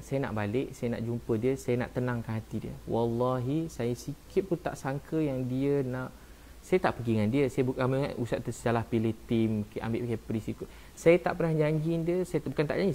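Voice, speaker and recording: Soft-spoken Malaysian man talking on a live stream. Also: medium pitch, a little hiss or hum. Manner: soft-spoken, earnest and defensive, repeats "ha" and "Masya Allah". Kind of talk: casual live-stream talk answering viewers.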